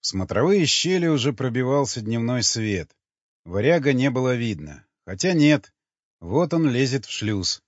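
A man narrating an audiobook in a measured, even reading with a husky voice. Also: mid-range voice, no echo. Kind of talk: scripted narration. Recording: dull, dry studio sound with faint music.

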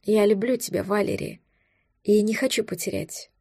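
A woman voicing a thousand-year-old male dragon, anxious and tender, speaking low and pleading in an audiobook. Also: moderate pace, vocal fry, a little mellow, slightly rough, dry recording, clean studio sound. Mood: remorseful.

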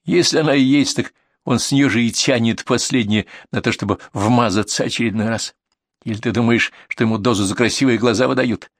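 A man's voice: mid-range voice, brisk, dry recording, lightly acted. A man voicing a tough young male paramedic who speaks in a threatening, scornful way, in a storybook reading.

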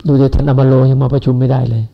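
A man's voice: mid-range voice, flat delivery, quick pace, creaky. A man in his seventies giving a rambling, folksy Buddhist sermon to followers. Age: 70s. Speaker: Buddhist teacher. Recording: lo-fi dull recording.

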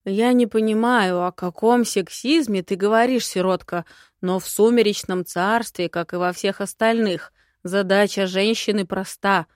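A woman's voice: medium pitch, steady tone, normal speed, no room sound, clean studio sound, close to an everyday voice. A woman reading an audiobook and voicing a grumpy, rude old male lord who growls and snaps indignantly. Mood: stern. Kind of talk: audiobook character voice.

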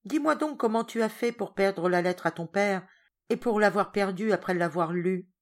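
Brief: woman playing a firm scolding governess, lively pitch, storybook reading. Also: normal speed. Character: stern adult woman governess, sharp-tongued.

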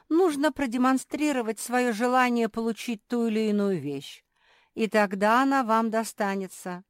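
A woman's voice: medium pitch, no room sound, clean studio sound, pitched above the performer's own voice, natural voice. A woman voicing a sly old male shopkeeper with ingratiating, sing-song sales patter, in an audiobook. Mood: apologetic. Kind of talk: audiobook character voice.

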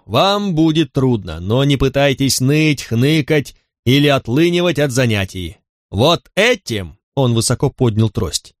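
A man's voice: medium pitch, dry recording, clean studio sound, natural voice. A man voicing a brutal, scornful Roman centurion. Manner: barking, contemptuous. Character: brutal scornful male centurion drill instructor.

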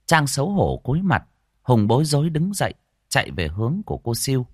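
A man narrating a dramatic story in an expressive storytelling manner. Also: mid-range voice, brisk, dry recording, clean studio sound. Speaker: audiobook narrator.

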